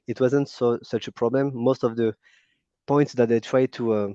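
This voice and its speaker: A French man calls in to a stream over video call, his mid-range voice dark, clear, and resonant, with a steady tone and moderate pace. He talks casually with many fillers and restarts, and the dry audio sounds muffled and lo-fi.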